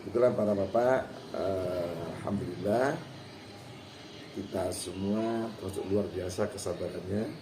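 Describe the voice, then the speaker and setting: A man's voice: low-pitched, measured pace. Guy teaching quran reading, chatty and chuckly, echoey room w a bit of noise. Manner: folksy, chuckling, acts out short quotes. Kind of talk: informal religious lesson. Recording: roomy hall with faint background noise.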